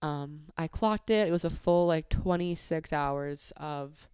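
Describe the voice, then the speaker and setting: A woman podcast host chats through a story in a loose, filler-heavy way, her voice a touch lower than most and smooth and clean. The sound is dry and close, with no room around it. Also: measured pace, darkish tone, dry recording. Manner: chatty, many filler "like"s, exasperated retelling. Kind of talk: casual storytelling monologue.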